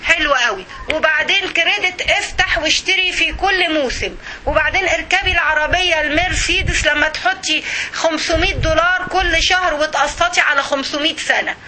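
A woman with an Egyptian accent giving an animated religious talk, acting out everyday scenes as she goes. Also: very high voice, fairly quick, a little hiss or hum, low-quality recording. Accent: Egyptian Arabic. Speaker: religious speaker.

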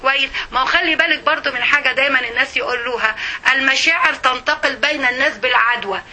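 A woman with an Egyptian Arabic accent giving an emotional religious lesson to women, often pausing to check that her listeners follow. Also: high-pitched, bright, forceful tone. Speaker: religious teacher.

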